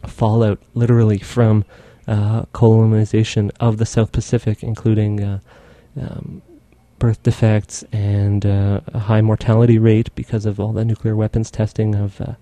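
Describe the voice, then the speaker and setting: Low, mellow-voiced male radio host. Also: completely flat delivery, no room sound. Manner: halting, many fillers. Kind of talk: hosted radio interview.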